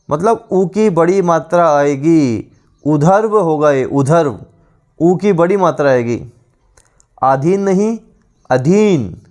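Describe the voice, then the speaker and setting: Slow, repetitive male tutor. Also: fairly high pitch, darkish tone. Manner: repeats each word slowly several times; drills with rhetorical questions. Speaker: teacher. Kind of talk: exam-prep grammar lesson.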